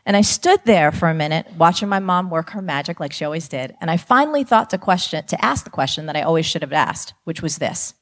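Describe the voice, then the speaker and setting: A woman from New Jersey giving a motivational talk to high school students, telling a lively personal story. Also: a little fast, hardly any pauses. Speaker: motivational speaker.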